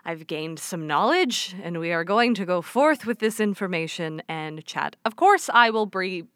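A woman's voice: fairly low pitch, animated, measured pace, a bit bright, no room sound, clean studio sound. A young woman hosting a casual solo podcast, rambling and breaking off her own sentences, often laughing at herself. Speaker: podcast host.

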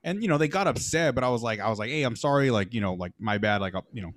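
A young man telling golf stories in casual chat, animated, acting out the people he quotes, with lots of fillers. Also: lowish voice, very fast, no echo, clean studio sound. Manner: animated storyteller, acts out quoted voices, many fillers.

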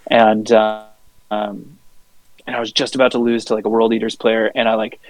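A man co-hosting a podcast, telling a rambling, laid-back story in casual chat, swearing freely and filling pauses with ums and uhs. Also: on the low side, little pitch movement, no echo, poor audio. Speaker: podcast co-host.

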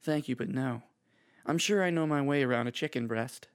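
A man's voice: normal speed, lightly acted. A drained young woman who talks in a dry, drowsy way, as a man reads her in nearly his own voice. She sounds too tired to put much into her words. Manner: tired, low-key and dry.

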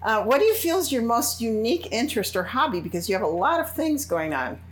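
A woman hosting an interview, chatty and quick to laugh. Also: fairly high pitch, big pitch swings, slight background noise. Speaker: host.

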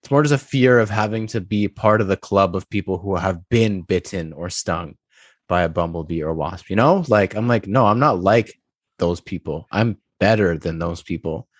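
A man in his late twenties hosting a casual group chat, joking and quick, laughing often. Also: low voice, no echo. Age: late 20s. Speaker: podcast host.

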